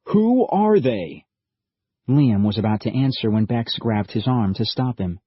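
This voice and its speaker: A man reading an audiobook in calm, low-key scripted narration. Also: normal speed, breathy edge, no echo. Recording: dull lo-fi audiobook recording, dry.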